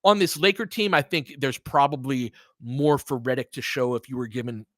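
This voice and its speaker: In a dry, studio-quality recording, a man with a mid-range, slightly bright voice talks at a normal speed. He is a sports podcast host and live play-by-play commentator, casually chatting with his stream's listeners and offering analysis in a thoughtful, somewhat hesitant, conversational way.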